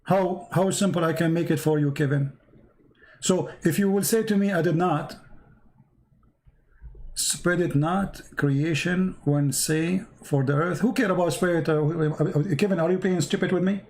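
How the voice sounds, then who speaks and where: High-voiced man pressing a caller. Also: steady tone, moderate pace, a little mellow. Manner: pressing, repeats questions, addresses caller by name. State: losing his voice. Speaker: debate host. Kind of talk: live debate, reading verses to a caller.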